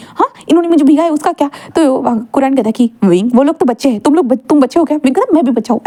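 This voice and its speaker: A young woman tells a romance story at a brisk clip, voicing the dialogue herself and slipping English words into her sentences. Her voice sits a little high yet sounds mellow and soft-edged, with easy fillers and restarts along the way. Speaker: fan fiction narrator. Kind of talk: casual storytelling narration with dialogue.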